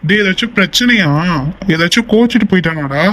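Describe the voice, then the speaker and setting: Man doing an anxious cartoon buddy, quick-talking, high voice. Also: lively intonation, pushed and bright. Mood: worried. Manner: anxious, questioning. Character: worried young man friend. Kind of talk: cartoon voice acting.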